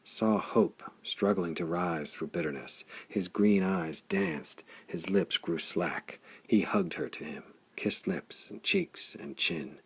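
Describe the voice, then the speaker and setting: A man narrates a pulp adventure audiobook in a measured way that turns excited as the action picks up. His voice sits low and sounds gravelly and husky.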